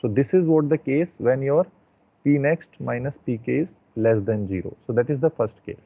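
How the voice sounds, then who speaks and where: A man with an Indian accent, a teacher giving an online class, explaining slowly and checking in often, heard through a thin, phone-like headset mic. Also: medium pitch, vocal fry, warm tone, no room sound. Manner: slow, drawn-out explaining with frequent check-ins.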